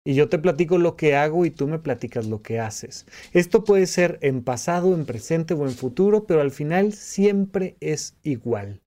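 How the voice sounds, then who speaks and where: Man, psychiatrist podcast host, mellow warm voice, fairly high pitch, calm explaining. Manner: explains calmly, acts out little quoted lines with a raised voice. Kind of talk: reflective solo podcast talk.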